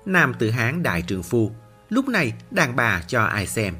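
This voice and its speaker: A male narrator voicing a stern woman who scolds the others sharply, with a husky voice. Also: medium pitch, huge pitch swings, normal speed, bright, forceful tone, soft background music, full character voice. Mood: scolding.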